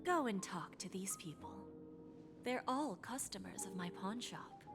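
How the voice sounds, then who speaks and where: A woman voicing a courteous, enigmatic pawnshop owner in a video game, speaking in a formal, teasing, deliberate way. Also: mid-range voice, expressive. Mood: knowing, composed. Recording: music behind. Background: game music.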